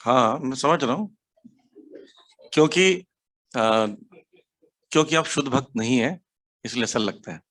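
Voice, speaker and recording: Somewhat slow and marked by long pauses, this man from India teaches a devotional class as a preacher. He tells stories with animation, slips English words in, and voices quotes with sharp leaps in pitch.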